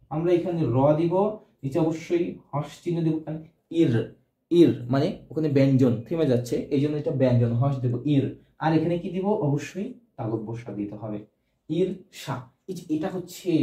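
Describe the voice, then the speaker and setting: In an echoey room, a man with a slightly high, mellow voice teaches an exam-prep grammar lesson. He keeps quizzing, answering his own questions as he goes.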